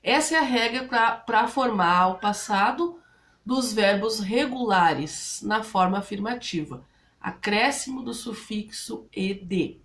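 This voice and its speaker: A woman's voice: mid-range voice, slow, fairly bright tone. A woman speaking Brazilian Portuguese, explaining English grammar rules to students step by step and often checking in with her listeners. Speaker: English teacher.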